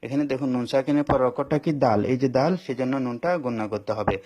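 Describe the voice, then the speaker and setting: A man's voice: medium pitch, a little mellow. A man teaching Quran reading. He spells out letters step by step, repeats himself patiently and answers his own questions. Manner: stretches words into slow sung recitation. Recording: dull lo-fi recording.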